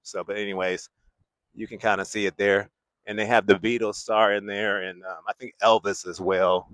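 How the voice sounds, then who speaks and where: Walking along a city boulevard with a handheld mic, a young vlogger chats loosely, laughs a lot and keeps looping back to what he meant. His voice sits on the low side with a level, slightly bright tone at a moderate pace, captured in a dry, low-quality recording.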